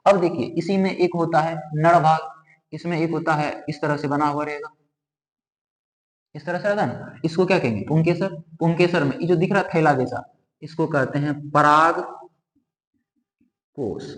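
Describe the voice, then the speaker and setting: Male biology teacher, fairly high voice, quizzes himself aloud, long room reverb. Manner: asks questions and answers them himself, repeating terms. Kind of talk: classroom lesson with drawing.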